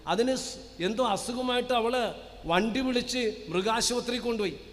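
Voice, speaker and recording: Priest guy preaching, lively storytelling, high voice, long echo in a big hall. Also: moderate pace. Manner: animated storytelling, asks the audience questions. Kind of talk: sermon.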